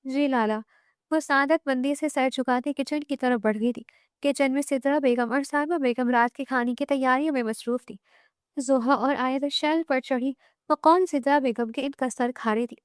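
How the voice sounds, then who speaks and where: High-voiced woman narrating a novel. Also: moderate pace, clear, resonant tone, no echo, studio quality. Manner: steady storytelling. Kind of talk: scripted narration.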